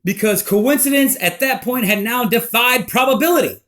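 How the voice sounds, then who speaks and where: A man recounting a personal life story in a rambling, emotional, animated way. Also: very high-pitched, moderate pace.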